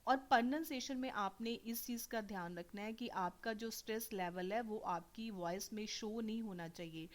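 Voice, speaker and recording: Young woman teacher, calm and instructive, talking straight to her students. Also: mid-range voice. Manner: patient, instructive, addresses students directly. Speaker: exam coaching teacher. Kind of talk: tutorial explaining test technique.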